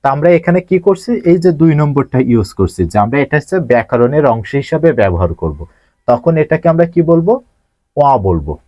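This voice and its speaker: A man's voice: fairly high pitch, very animated, a little fast, dark tone, dry recording, dull audio. A man teaching a Japanese grammar lesson, asking his own questions and then answering them step by step. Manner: asks rhetorical questions and answers them himself.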